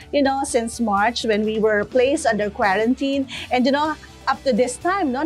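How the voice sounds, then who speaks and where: Filipino woman pastor, high voice, conversational sermon with "you know" tags, soft music under. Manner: code-switches, many "you know" and "no?" tags. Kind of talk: devotional sermon broadcast.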